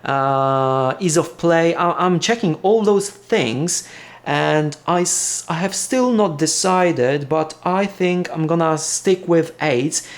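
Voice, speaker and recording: A slightly high-voiced vlogger, a man from Poland whose first language is Polish, unboxes something in a casual, Polish-accented chat. He halts often, restarting sentences and leaning on fillers.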